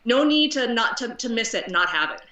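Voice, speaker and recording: A woman from Canada, a guest chatting casually on a video call, talkative and quick to laugh. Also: on the high side, expressive, bright, forceful tone, roomy sound, far from the mic. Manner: chatty, laughs easily, many fillers.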